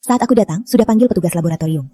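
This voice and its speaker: A woman playing a brisk, scolding mother. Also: on the low side, dark tone, no room sound, lightly acted. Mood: firm. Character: middle-aged mother, sharp-tongued and decisive. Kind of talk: dubbed short-drama acting.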